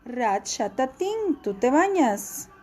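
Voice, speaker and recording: A woman's voice: sits high, sing-song, slow pace, darkish tone. A woman teacher giving a classroom language lesson, patiently repeating each verb form for her students.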